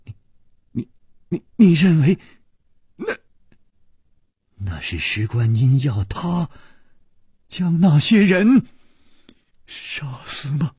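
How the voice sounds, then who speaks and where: A storyteller doing a young swordsman pushed to the edge, stammering and breaking into shouts. The voice jumps far above the teller's own, with wild swings of pitch and a husky, dry edge. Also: big pitch swings, slow pace, pauses often, no room sound, heavily acted. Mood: agitated.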